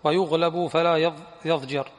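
A male student reading a religious text aloud in a steady, formal recitation during a lesson. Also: on the high side, normal speed. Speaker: student reader. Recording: long hall reverb.

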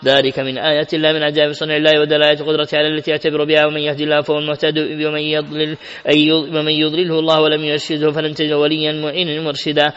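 A man's voice: a little high, completely flat delivery, rapid-fire, a bit bright, clean tone. A man reading classical Quran commentary aloud, with frequent self-corrections and restarts. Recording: dull lo-fi recording with long hall reverb.

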